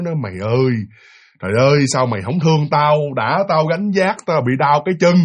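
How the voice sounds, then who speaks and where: A man with a Southern Vietnamese accent telling a ghost story casually, talking straight to his listeners. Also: sits high. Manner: chatty, addresses listeners directly.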